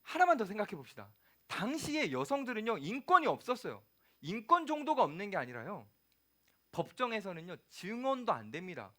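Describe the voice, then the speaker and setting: A man's voice: high voice, wildly swooping pitch, a little fast, fairly bright tone. A man preaching a sermon to young adults in a conversational way, asking the congregation questions and acting out quoted lines. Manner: acts out quoted lines, sometimes dropping to a whisper; humorous personal asides. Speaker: youth pastor.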